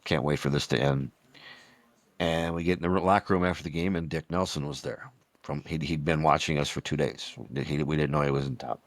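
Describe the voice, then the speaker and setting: Deep-voiced man in his sixties telling stories. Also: steady tone, brisk, no echo. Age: 60s. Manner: rambling anecdotal storyteller, acts out quotes. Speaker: retired baseball umpire, podcast guest. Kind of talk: storytelling in a casual podcast chat.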